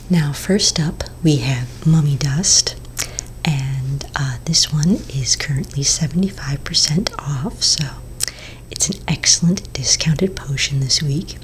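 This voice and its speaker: In a small indoor room in front of shelves of bottles, a woman whispers close to the mic in a low, hushed, unhurried voice, with faint hiss beneath. Playing a potion shopkeeper in an ASMR roleplay, she speaks slowly and gently, with fillers.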